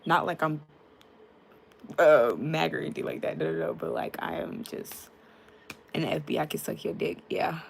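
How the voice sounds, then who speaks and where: A woman's voice: low voice, moderate pace, vocal fry, pauses often, a little hiss or hum. A young woman chatting frankly with her live-stream viewers, greeting them by name and using lots of fillers, into a tablet mic. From United States. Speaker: livestreamer.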